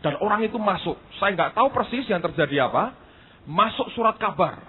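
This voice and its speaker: A male pastor preaching in a storytelling sermon, talking conversationally, speaking straight to his listeners with dramatic pauses. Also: high-pitched, animated, slightly rough. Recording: tinny phone-like lo-fi recording.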